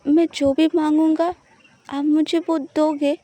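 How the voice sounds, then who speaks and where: A woman's voice: sits high, flat delivery, slow pace, mellow. A woman voicing a reluctant, irritable young wife who sulks and pleads. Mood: sulky. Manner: pleading, sulky.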